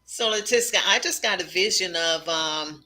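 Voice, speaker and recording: A woman's voice: lowish voice, moderate pace, sharp tone, low-quality recording. A woman hosting a casual spiritual conversation, teacherly and repeating key points. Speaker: host.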